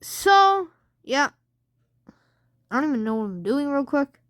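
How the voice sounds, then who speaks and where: A woman's voice: high-pitched, very animated, a little slow, fairly bright tone, dry recording, clean studio sound. A woman hosting a casual alternate-history map commentary, rambling with lots of fillers and unsure asides. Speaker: channel host.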